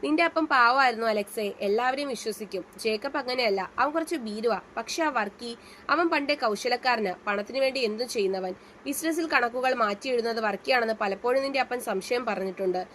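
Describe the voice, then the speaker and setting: A gentle elderly grandmother, wise and consoling, in a storybook reading, as a woman narrator puts her on. The voice is a touch high. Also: brisk, slight background noise, lightly acted.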